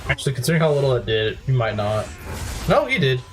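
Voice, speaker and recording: A young man casually commentating a video game, quick to complain and laugh. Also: medium pitch, big pitch swings. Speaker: let's play host.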